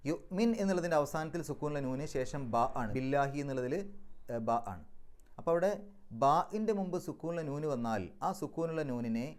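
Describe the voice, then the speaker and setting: A man explaining Quran recitation rules, going step by step and chanting the Arabic words slower and louder. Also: mid-range voice. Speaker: Quran teacher.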